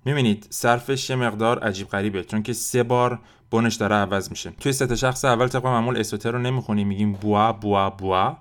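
Man, low voice, language teacher, quick explanations, slow drilled repetitions. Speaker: French teacher. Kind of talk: language lesson.

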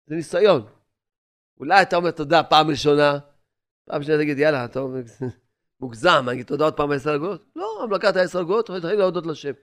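Male preacher, sermon storyteller, slightly high voice, loud-soft swings. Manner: storytelling, swinging between loud exhortation and hushed asides.

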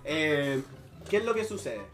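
A man's voice: a little high, measured pace, music in the background. A young man with a Chilean accent, hosting a podcast and telling a crude story with lots of laughter. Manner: crude, laughing, animated retelling. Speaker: podcast host. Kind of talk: casual joking storytelling.

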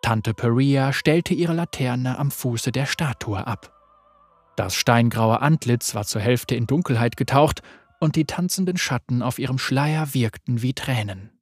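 A narrator reading a dark fantasy story aloud in a measured, dramatic way. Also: medium pitch, slightly rough, soft background music.

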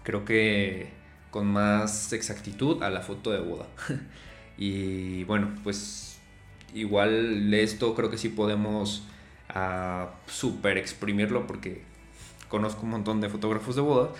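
A man's voice: lowish voice, fairly even intonation, takes it slowly. A man hosting a casual solo podcast, talking loosely with many fillers and repeated words. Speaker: podcast host. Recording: echoey room, faint music.

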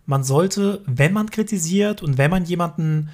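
A man in his thirties with a slightly high voice chats casually as a podcast co-host. He is opinionated and talkative, and laughs between his points. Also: moderate pace. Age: 30s. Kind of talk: casual chat. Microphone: remote call from home.

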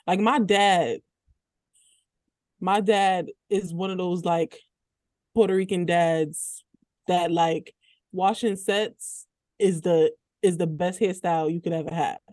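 A woman's voice: lowish voice, fairly even intonation, slow pace, long pauses, darkish tone, no echo. A woman co-hosting a podcast, chatting casually with many "like" fillers and laughing as she tells stories. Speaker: podcast co-host. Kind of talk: casual chat.

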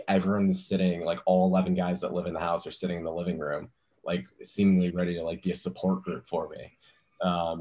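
A young adult man hosts a podcast, chatting casually and easygoingly with plenty of fillers and restarts. His voice sits low and is a little mellow.

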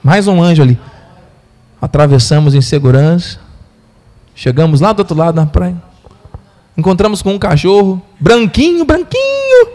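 A man with a Brazilian Portuguese accent preaching a sermon, telling a story with animated voices for the people in it. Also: fairly high pitch, normal speed, pauses often. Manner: animated storyteller, acts out quotes. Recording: long hall reverb.

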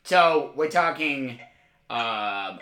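A man hosting a comedy podcast, excitable and mock-enthusiastic with quick reactions. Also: mid-range voice, reverberant. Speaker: podcast host. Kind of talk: improvised comedy chat.

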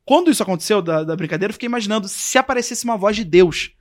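A man's voice: high voice, racing. A young man casually telling a story on a podcast, acting out the quotes and voices of the people in it. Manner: animated, acts out quotes and voices. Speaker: podcast guest.

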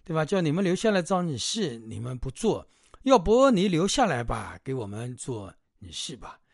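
A man's voice: on the high side, big pitch swings, moderate pace, gravelly, dry recording, clean studio sound, pitched above the performer's own voice, exaggerated voice. A man voicing a bossy middle-aged widow and mother of three daughters, who scolds and haggles in exclamations. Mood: coaxing.

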